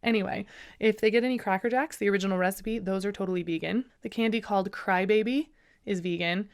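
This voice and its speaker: A woman's voice: mid-range voice, fast talker, smooth. A young woman hosting a solo podcast, talking in a chatty, bubbly way with lots of asides. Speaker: podcast host. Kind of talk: casual solo podcast chat.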